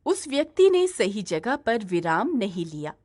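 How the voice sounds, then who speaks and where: A woman narrating a short teaching story and explaining its point in a clear, explanatory way. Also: mid-range voice, big pitch swings, a little slow, darkish tone. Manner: clear, explanatory, stresses the key words.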